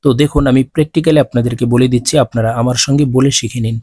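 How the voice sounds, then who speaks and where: A man teaching Arabic letter pronunciation, drawing out each letter sound slowly for the class to repeat and explaining between the drills. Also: medium pitch, fairly even intonation, warm tone. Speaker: Quran reading teacher. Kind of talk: recitation lesson.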